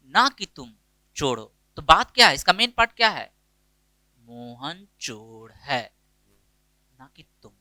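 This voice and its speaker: A male teacher with an Indian English accent, working through a grammar lesson in Hindi and asking questions only to answer them himself. His voice is very bright and crisp and sits a little high. The sound is dry and close, with no room around it. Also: no echo, rough recording. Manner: explains step by step, asks and answers his own questions. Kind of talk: online classroom lecture.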